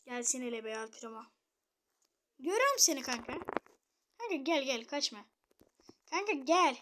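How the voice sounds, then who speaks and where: High-voiced young woman narrating gameplay. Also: very animated, normal speed, background noise. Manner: chatty, swings between muttering and loud outbursts at opponents. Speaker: gamer streamer. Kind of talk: casual gameplay commentary.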